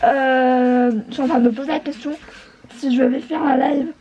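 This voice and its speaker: A woman's voice: high voice, fairly even intonation, moderate pace, mellow, muffled recording. A woman beauty vlogger chatting casually, hesitant and full of fillers. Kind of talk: casual chat.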